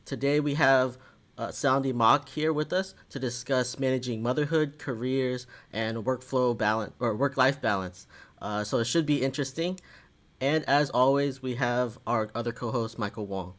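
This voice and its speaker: A man's voice: medium pitch, moderate pace, a bit bright. A man from Florida co-hosting a casual podcast, upbeat and easygoing. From Florida, USA. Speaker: podcast co-host. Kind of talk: casual chat.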